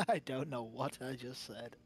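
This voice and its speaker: A man's voice: mid-range voice, a little slow, slightly rough. A man from England with a Liverpool accent, co-hosting a game stream with dry, teasing jokes and whispered asides. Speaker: co-host. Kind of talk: casual gaming stream chat.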